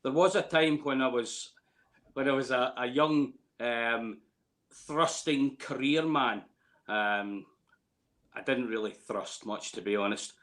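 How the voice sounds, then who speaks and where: Male, late 50s, Scottish accent; casual interviewee, hesitant rambling storyteller with an average-pitched voice. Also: slow pace, a bit bright. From Scotland, near Glasgow. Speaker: distillery warehouse tour guide.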